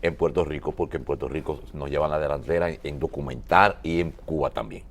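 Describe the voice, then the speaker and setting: A man's voice: very deep voice, steady tone, a little fast, a little hiss or hum. A Dominican man on a panel, speaking emphatically and critically about record-keeping. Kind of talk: panel discussion.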